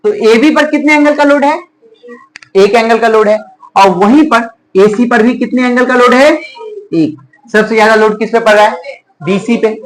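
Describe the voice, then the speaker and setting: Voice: mid-range voice, rough recording. A teacher giving a classroom math lesson, asking the pupils a question and then repeating the answer back to them. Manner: addresses pupils as children and dear.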